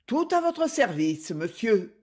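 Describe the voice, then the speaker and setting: A woman voicing a fussy, ceremonious Parisian gentleman who answers with stiff courtesy. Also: a little high, big pitch swings, slow, pitched above the performer's own voice, heavily acted. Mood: solemn courteous.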